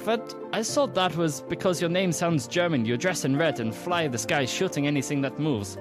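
A man voicing a timid, nervous retired male reindeer in a high, whiny voice. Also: animated, normal speed, music in the background, natural voice. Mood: pleading.

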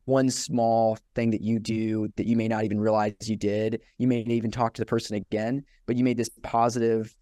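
A man's voice: on the low side, brisk, few pauses, dry recording, clean studio sound. A young man hosting a podcast, telling a story casually and acting out the voices of the people in it, with frequent laughs. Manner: animated storyteller who acts out quotes, laughs often. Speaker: podcast host.

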